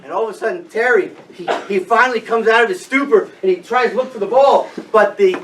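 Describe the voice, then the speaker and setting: Rabbi, man, lively storyteller with a high voice; heard from a few steps off the mic, faint noise behind. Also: fast, far from the mic, low-quality recording. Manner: animated storyteller, big swings in pitch and loudness. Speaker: rabbi addressing yeshiva boys. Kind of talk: storytelling talk with a moral lesson. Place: study hall of a yeshiva.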